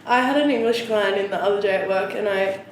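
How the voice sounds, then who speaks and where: A woman's voice: medium pitch, fast talker. A woman co-hosting a casual chat podcast, blunt and sweary with dry humor. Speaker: podcast co-host. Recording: very echoey room, faint hiss.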